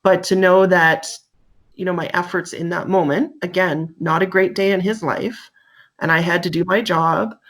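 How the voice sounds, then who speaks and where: A middle-aged woman shares stories from her police work in a relaxed interview. Her voice sits a little low. She gets animated and pitches up when she quotes others. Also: normal speed. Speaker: police officer guest. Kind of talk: casual interview storytelling.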